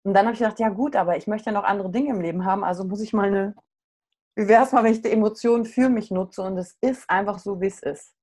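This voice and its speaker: Woman, middle-aged, coach, casual personal story, candid, animated, medium pitch. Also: fast.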